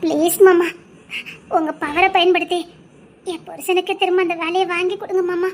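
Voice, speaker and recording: A woman's voice: very high-pitched, little pitch movement, normal speed, a little hiss or hum, voice pushed up. A woman voicing a young wife who pleads for her husband, in a Tirunelveli Tamil accent, heard from a distance. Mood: pleading. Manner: pleading, tearful insistence.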